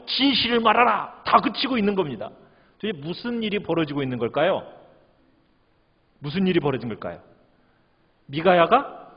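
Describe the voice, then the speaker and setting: Lively preaching pastor in an echoing church. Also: male voice, high voice, breathy edge. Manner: asks the congregation questions, acts out quoted lines. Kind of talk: sermon with scripture reading. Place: church hall. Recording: lo-fi church recording with long reverb.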